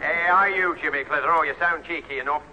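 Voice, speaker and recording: A man's voice: a little high, fast talker, close to an everyday voice. A man playing an easily riled, indignant caller blustering his way through a 1960s radio comedy. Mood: exasperated. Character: irate, exasperated man telephoning, easily riled. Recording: dull old radio recording, loud hiss.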